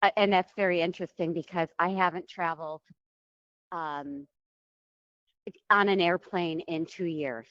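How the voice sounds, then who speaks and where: A woman with a lowish, fairly bright voice speaks in a steady, unhurried way, pausing often, heard over a phone speaker in dry, muffled lo-fi call audio. A library board candidate calling in from an airport, she answers interview questions hesitantly with many ums.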